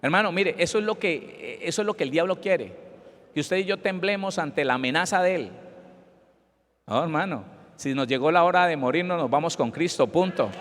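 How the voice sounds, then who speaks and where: A man's voice: a little high, animated, moderate pace, a bit bright, slight background noise. Man, pastor, emphatic sermon, raised voice, echoing hall. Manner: emphatic preaching, acts out callers' voices. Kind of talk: Bible study sermon.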